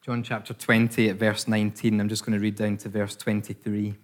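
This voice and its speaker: A man's voice: lowish voice, monotone, a little fast. A man preaching an Easter sermon as pastor, earnest and repeating his phrases, with frequent fillers.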